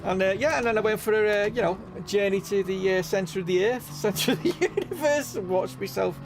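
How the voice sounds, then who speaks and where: A man's voice: high voice, fairly quick, background noise. A middle-aged man, hosting a live stream and telling a casual anecdote, often checking in with "right?" and "you know what I mean?".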